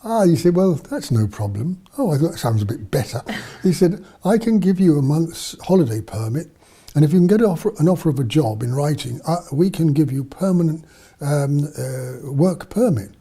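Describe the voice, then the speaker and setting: Older man, dark husky voice. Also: fairly high pitch, expressive, moderate pace. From England. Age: 70s. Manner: rambling, self-correcting storyteller. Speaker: missionary priest. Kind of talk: storytelling interview. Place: studio.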